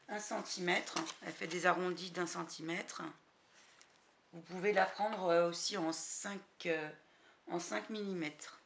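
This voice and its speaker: A woman's voice: medium pitch, vocal fry. A woman chatting casually through a craft haul, hesitant, with many fillers. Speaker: crafting vlogger. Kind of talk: casual haul video chat. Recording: noisy background hiss.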